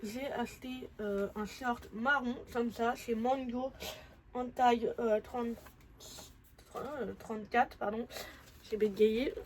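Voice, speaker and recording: Chatty young woman vlogger, soft tone. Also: fairly high pitch, steady tone, slow, a little hiss or hum, poor audio. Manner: chatty, many fillers and self-corrections. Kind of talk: casual travel vlog chat.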